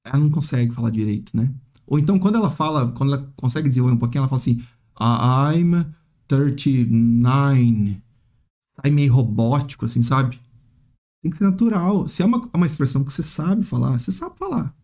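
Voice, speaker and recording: With a quick pace and lively intonation, a man's mid-range, darkish voice carries an informal English lesson delivered as a chatty monologue. He keeps adding "né?" tags and playacts students who are unsure of themselves.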